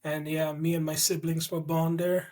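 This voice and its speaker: A man's voice: fairly high pitch, little pitch movement, moderate pace, a little mellow. A man in his thirties from India, a podcast guest who speaks hesitantly, often restarting his sentences. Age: 30s. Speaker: guest, mobile technician. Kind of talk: casual podcast interview.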